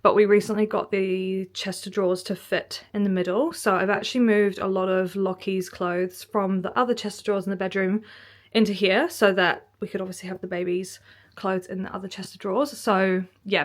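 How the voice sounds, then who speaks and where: A young woman talks through her home in a casual vlog. Her voice sits at an ordinary middle pitch. She is bubbly and chatty, dropping plenty of "like" as she goes. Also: steady tone, fairly quick. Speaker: vlogger. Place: at home indoors.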